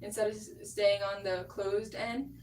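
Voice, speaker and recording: A woman's voice: medium pitch, steady tone, unhurried, darkish tone, a little hiss or hum. A young adult woman, a vocal coach, patiently explaining singing technique with casual fillers. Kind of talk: singing lesson instruction. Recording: roomy, distant mic, faint music.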